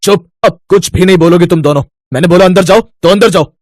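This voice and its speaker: Guy doing a stern husky older brother, storybook, all over the place pitch-wise. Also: sing-song, fairly quick, darkish tone. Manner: scolding, exasperated. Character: stern young husband and elder brother. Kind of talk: storybook character voice.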